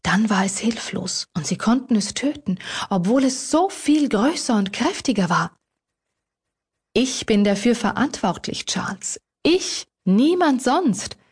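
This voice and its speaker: A terrified lady of a country manor, pitched high and near tears, as a woman narrator puts her on. She pleads in a husky, strained voice, as if barely holding herself together. An audiobook figure. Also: very animated, slow, few pauses, darkish tone, full character voice. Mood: anguished. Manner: sobbing, pleading, high-strung.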